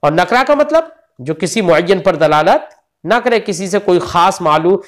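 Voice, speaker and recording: A man's voice: high voice, expressive, normal speed. A man teaching an Arabic grammar lesson, who explains patiently and keeps asking his students questions. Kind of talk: religious grammar lecture.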